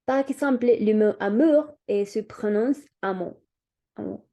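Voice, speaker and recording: A young woman delivers a class presentation at an unhurried pace, pausing on fillers as she reads. Her tone is deep and mellow. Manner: hesitant, read-aloud delivery with fillers. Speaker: student presenter.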